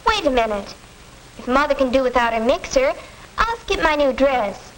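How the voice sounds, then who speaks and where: An actress playing an earnest, fair-minded teenage daughter in a stagey 1940s educational film. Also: female voice, sits high, lively intonation, normal speed, fairly bright tone. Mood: earnest, willing. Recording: crackly 1940s film soundtrack.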